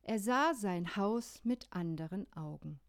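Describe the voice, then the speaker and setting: A woman pastor giving a radio devotional sermon, calm and measured, telling a story. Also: medium pitch.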